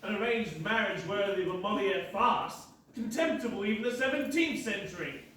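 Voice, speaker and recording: A man's voice: high voice, moderate pace, fairly bright tone. A man playing a pompous, lovestruck young would-be actor in a stage comedy, declaiming like a hammy stage actor. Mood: pompous, lofty. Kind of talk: theatrical stage comedy acting. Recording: echoey theatre, distant microphone.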